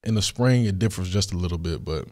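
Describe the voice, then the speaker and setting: A young man hosts a solo question-and-answer podcast from a studio, his voice hoarse and worn as if still recovering. He speaks low and fast, rambling in a relaxed way with plenty of fillers.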